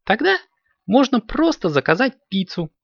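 A man voicing a clever little girl kitten with a chirpy, quick-witted manner, on a dull lo-fi recording. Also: high voice, very animated, vocal fry, fairly bright tone, dry recording, voice pushed up, heavily acted. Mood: inventive.

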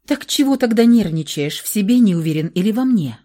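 A woman voicing a hot-tempered young woman who is frantic and stubborn, with shrill, hysterical outbursts, in an audiobook reading. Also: expressive, brisk, warm tone, natural voice. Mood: needling.

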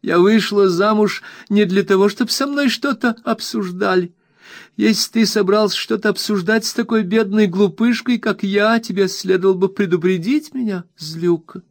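A man's voice: moderate pace, no echo, studio quality. A man putting on a childish, pouting young wife. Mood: whiny. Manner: high, whiny, coaxing.

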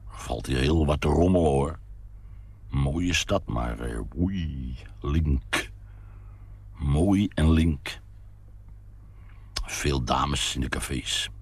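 A man's voice: extremely low pitch, takes it slowly, long pauses, husky, heavily acted. Een man die speelt een mompelende, zwaarmoedige vijftiger. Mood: rambling. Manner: mumbling, hums to himself, rambling. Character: weary wistful drinking man of about fifty. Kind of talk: read-aloud short story.

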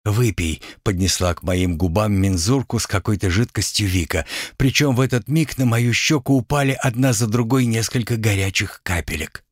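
A man narrating an audiobook in a steady first-person reading. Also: lowish voice, normal speed, few pauses, no echo, studio quality.

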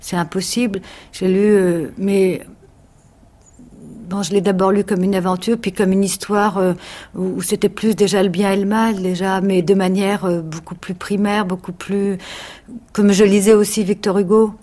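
A woman's voice: medium pitch, flat delivery, normal speed, warm tone. An actress talking about her childhood reading in an interview, reflective and hesitant, often searching for words.

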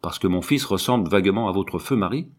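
A man's voice: low voice, fast talker. A man voicing a brusque, defensive young husband in a read-aloud novel. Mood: irritated. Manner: curt, defensive.

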